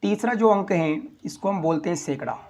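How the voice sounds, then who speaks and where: A man teaching a school maths lesson, walking through place values slowly, step by step. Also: high-pitched, animated, darkish tone. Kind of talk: classroom explanation.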